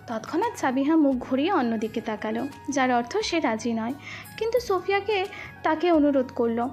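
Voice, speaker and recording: A woman narrating a romantic story with an expressive, flowing delivery. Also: high-pitched. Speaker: voice artist, storyteller.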